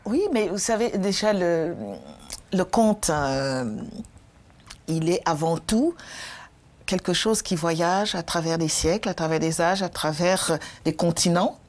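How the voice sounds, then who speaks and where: An older woman, a storyteller invited on a TV talk show, explaining calmly with a lapel mic in the studio. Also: lowish voice, measured pace. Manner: calm, explanatory. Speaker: storyteller guest. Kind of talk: studio interview. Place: TV studio, indoors.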